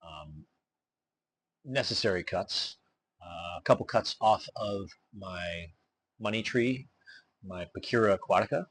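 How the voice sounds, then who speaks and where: A man narrating his bonsai vlog, talking slowly and deliberately with many fillers as he works on his trees. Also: low voice, slight background noise. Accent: regional accent. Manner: deliberate, slow, filler-heavy explaining while pruning. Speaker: bonsai hobbyist vlogger. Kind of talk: casual hobby vlog narration.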